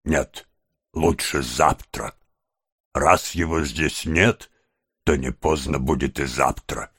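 A sly, secretive old fence, voiced by a man reading aloud, murmurs in a hushed, cavernously deep register. He drags each phrase out slowly, as if every word were part of a plot. The sound is close and dry, with no room around it. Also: slightly rough, heavily acted. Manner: hushed, low, drawn-out scheming tone.

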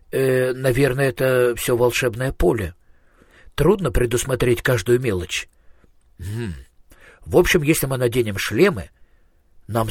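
A man's voice: medium pitch, dry recording, studio quality, lightly acted. Man doing an absent-minded genius inventor. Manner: musing, thoughtful, trailing off with hums.

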